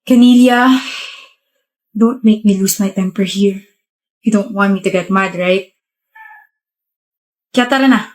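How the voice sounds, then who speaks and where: A woman playing a pushy, manipulative young boyfriend in a skit, talking in a lowered, menacing way. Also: slow pace, long pauses, lightly acted. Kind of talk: skit role-play.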